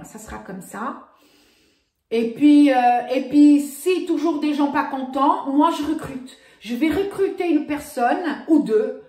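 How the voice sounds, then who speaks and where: A woman's voice: sits high, darkish tone. A woman, ranting indignantly to her viewers in a casual vlog, often repeating "voilà". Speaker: vlogger. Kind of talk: casual rant to camera. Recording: roomy echo.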